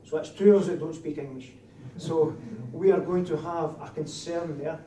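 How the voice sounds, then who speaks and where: A man's voice: on the high side, steady tone, normal speed, dark tone. A man with a broad Scottish accent teaching a class as a trainer, putting questions to his trainees. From Scotland. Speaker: trainer of door supervisors. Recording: distant mic, echoey room, faint noise.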